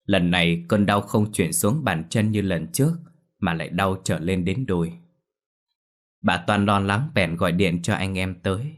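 A man narrating a dramatic story in a steady, measured way. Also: low voice.

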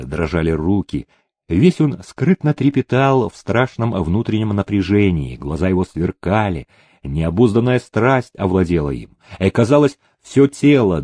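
A man reading a historical novel aloud, telling it in a lively way with frequent hesitation sounds. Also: fairly low pitch, no room sound, studio quality. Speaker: audiobook reader.

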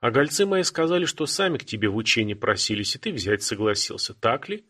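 A man's voice: mid-range voice, sing-song, a little fast, pushed and bright. Man voicing a timid fretful widow. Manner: timid, worried. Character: timid widowed village mother, flustered, fretful.

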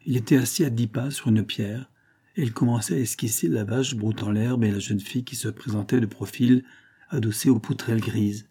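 A man narrating a classic novel in a measured, even storytelling manner. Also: lowish voice, husky. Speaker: audiobook narrator. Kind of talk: literary audiobook narration.

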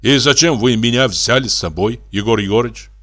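A man's voice: medium pitch, brisk, pushed and bright, faint music behind. A man voicing a weary grumbling doctor. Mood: plaintive. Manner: sighing, plaintive questions.

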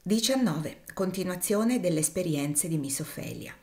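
A woman's voice: fairly low pitch, animated, moderate pace, warm tone. Woman reading a classic novel aloud. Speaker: audiobook reader. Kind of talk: literary audiobook narration.

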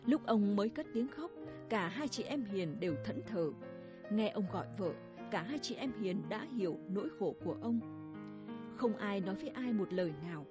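A woman narrating a village story in a soft, measured, sorrowful manner. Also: mid-range voice, lively intonation, over music. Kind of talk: audiobook narration.

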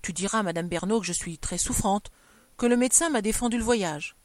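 A woman reading aloud, voicing an impulsive, nervous bourgeois wife who pleads and exclaims in a raised, higher voice. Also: a little fast, no echo, close to an everyday voice. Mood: insistent. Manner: excitable, pleading, higher and louder than the narration.

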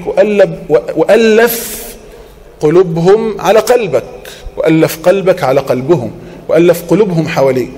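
A man with an Egyptian accent preaching an Islamic sermon, asking rhetorical questions, answering them himself and reciting verses in a measured tone. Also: a little high. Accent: Egyptian Arabic. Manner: quotes Quranic verses in a measured chanting tone; swings between loud emphasis and soft murmured reassurance.

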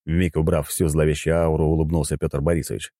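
A male narrator tells a first-person adventure story in a steady, even manner. His voice is very low and mellow, and it sounds dry and close to the mic. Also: brisk, no room sound.

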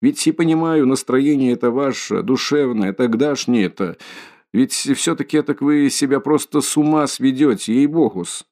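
A man's voice: medium pitch, moderate pace, darkish tone, lightly acted. A man voicing a sly, fussy middle-aged male police investigator who wheedles and fawns, in an audiobook reading. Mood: insinuating. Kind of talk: audiobook character voice.

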